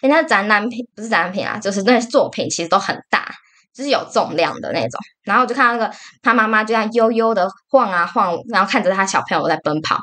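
A young woman with a Taiwanese Mandarin accent, co-hosting a casual podcast. She rants in an animated, exasperated way, full of fillers. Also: mid-range voice, fast talker. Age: young adult. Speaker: podcast co-host.

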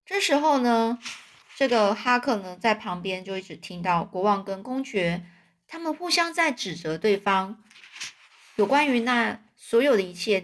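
A woman telling a serialized story in a chatty way, drawing out particles at the end of phrases. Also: mid-range voice.

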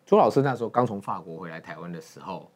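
A man's voice: deep voice, expressive, fast talker. A middle-aged man with a Taiwanese Mandarin accent, chatting as an interviewer and composer, with frequent agreeing interjections. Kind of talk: casual interview chat.

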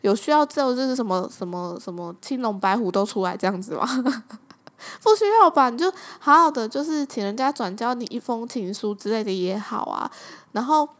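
A woman's voice: medium pitch, fairly quick. A young woman with a Taiwanese Mandarin accent, hosting a podcast and telling stories casually, with lots of fillers and frequent laughter. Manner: chatty, laughs often, many fillers. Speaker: podcast host. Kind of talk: casual storytelling monologue.

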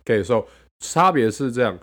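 A man's voice: medium pitch, lively intonation, moderate pace. Male host, casual bilingual chat, mid-range voice, playful sound demos. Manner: mixes Mandarin and English, demonstrates sounds playfully.

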